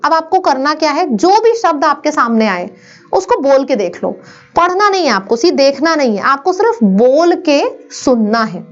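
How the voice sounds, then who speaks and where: A woman with a high voice teaches an online grammar lesson. She asks her students questions and answers them herself in a brisk classroom drill. The recording sounds slightly dull and lo-fi. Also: big pitch swings.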